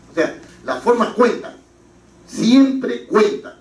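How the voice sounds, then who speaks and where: Lively male lecturer in an echoey hall. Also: high-pitched, takes it slowly, far from the mic. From Peru. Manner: lively, rhetorical questions, anecdotes. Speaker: parliamentary writing instructor. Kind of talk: classroom lecture.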